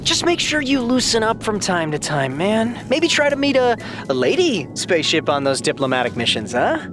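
A man's voice: high voice, sing-song, normal speed, over music. A man voicing a sentient freighter spaceship in an audio drama, a brash, easygoing adventurer who talks in casual, teasing slang. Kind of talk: audio fiction drama acting.

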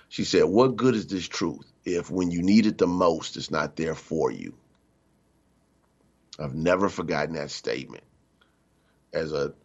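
A middle-aged minister gives a spiritual teaching talk on the radio, conversational and emphatic, acting out the voices of people he quotes. His voice rumbles low with a creaky edge and is a bit bright, though the highs are cut off.

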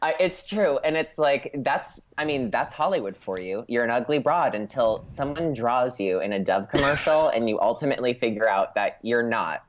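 A man's voice: medium pitch, lively intonation, normal speed, hardly any pauses. A man chatting casually as a podcast guest, playfully mock-earnest, on a slightly dull recording. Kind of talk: casual comic chat.

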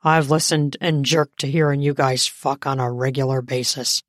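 Woman putting on a deep-voiced lusty young man. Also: fairly even intonation, normal speed, dry recording, clean studio sound. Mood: lustful.

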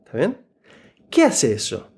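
A fairly high-pitched voice, creaky and husky, comes from an unhurried Buenos Aires man with an Argentine Spanish accent. As a guest on an interview, he casually tells a story and explains how to handle job interviews, animated and frequently checking in with the listener.

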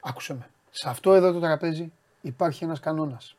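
A man hosting a studio show, teasing his guests and calling out to viewers in a playful chat. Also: fairly high pitch. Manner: teasing, bursts into loud mock-grand declarations. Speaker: show host.

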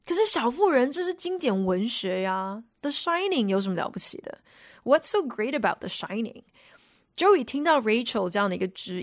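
A woman hosts a radio lesson, explaining English phrases in a chatty, patient way. Her voice sits in a middle pitch. The studio recording is dry and close. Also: no echo. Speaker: radio host.

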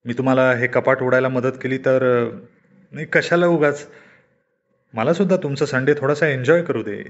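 A man voicing a genial, dignified middle-aged gentleman visitor who speaks courteously, in a storybook reading. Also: medium pitch, normal speed, close to an everyday voice. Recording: dull lo-fi recording.

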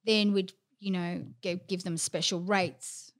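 A woman from Australia, a lawyer, chatting openly and lively as a podcast guest. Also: fairly low pitch, measured pace. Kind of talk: casual interview chat.

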